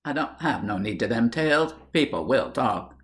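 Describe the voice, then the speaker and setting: A man's voice: medium pitch, lively intonation, normal speed, a bit bright, natural voice. A man reading aloud and voicing a blunt, good-natured young village lad with broad rustic country speech and a joking manner. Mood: dismissive.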